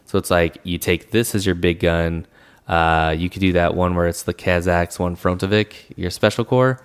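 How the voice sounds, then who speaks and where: Male podcast co-host, deep and smooth, easygoing, says "like" a lot. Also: moderate pace. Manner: relaxed, agreeable, frequent "mm-hmm" and "like". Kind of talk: casual tabletop game chat.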